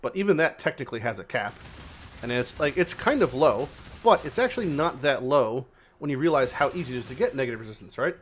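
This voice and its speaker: A man's voice: medium pitch, sing-song, fast talker, slight background noise. A man giving informal gameplay commentary as a streamer, swearing freely and repeating words for emphasis. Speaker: game streamer.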